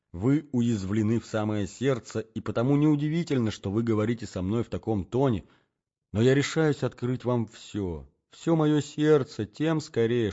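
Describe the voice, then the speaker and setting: A scheming middle-aged lady, put on by a male reader, who speaks in a soft, mournful, coaxing tone that hides her calculations. Her voice is lifted above the reader's own, on a muffled audiobook track. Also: a little high, pitched above the performer's own voice. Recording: dull lo-fi audiobook recording.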